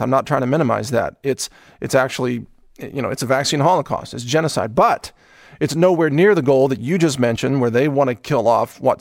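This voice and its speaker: A man hosting an interview show, explaining and framing questions in a deliberate, alarmist manner. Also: medium pitch, dry recording, clean studio sound. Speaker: talk show host.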